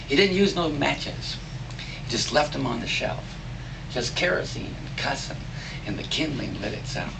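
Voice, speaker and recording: A man's voice: medium pitch, vocal fry. A man reciting cowboy poetry live in a folksy cowboy drawl, telling it like a yarn with rustic grammar. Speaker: cowboy poet. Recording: distant mic, noisy live room.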